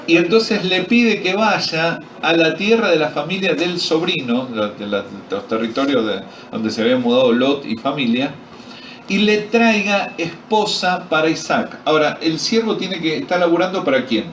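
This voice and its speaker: A slightly high, fairly bright voice with lively intonation and normal pacing belongs to an Argentine pastor preaching at a men's retreat. He asks his audience questions and jokes while narrating, and the far-off, echoey hall recording has slight background noise.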